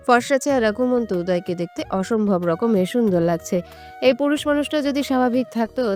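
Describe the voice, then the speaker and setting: Narrating a scripted romance for an audio story, this woman speaks at medium pitch with a darkish tone while music runs beneath her.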